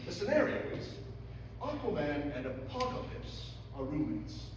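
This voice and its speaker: A man's voice: on the high side, very animated, moderate pace, background noise. A man playing a bossy, exasperated therapist in a comedy sketch, recorded from far off in an echoey hall.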